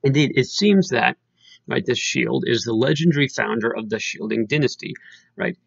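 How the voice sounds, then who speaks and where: A man lectures on an old poem in a rough, gravelly, husky voice. He explains step by step and keeps checking in with "right?". The recording is dry and a bit dull. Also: medium pitch, normal speed, no room sound. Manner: explanatory, frequent "right?" tags. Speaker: literature teacher. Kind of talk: lecture with read-aloud verse.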